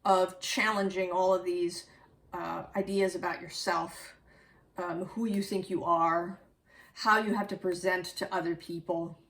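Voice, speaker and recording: A woman's voice: on the low side, level tone, measured pace, fairly bright tone. A woman giving a casual, reflective tarot reading, musing aloud and correcting herself as she goes. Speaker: tarot reader.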